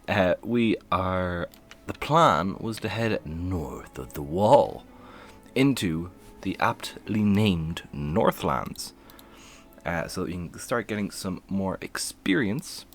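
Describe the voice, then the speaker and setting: A man's voice: low-pitched, expressive, slow, a bit bright. A man giving casual, playful commentary while streaming a game, laughing and humming to himself as he plays.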